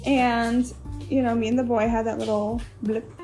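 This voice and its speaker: A woman's voice: a little high, level tone, moderate pace, mellow, faint music behind. A young adult woman co-hosting a podcast, telling stories in casual chat and laughing often. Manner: chatty storyteller, laughs often. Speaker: podcast co-host.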